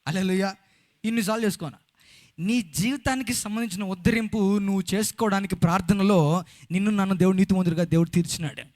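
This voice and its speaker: A man preaching a sermon as a pastor with a Telugu accent, loud and emphatic, calling out hallelujah and reading scripture slowly. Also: high-pitched, fairly even intonation, dry recording, studio quality.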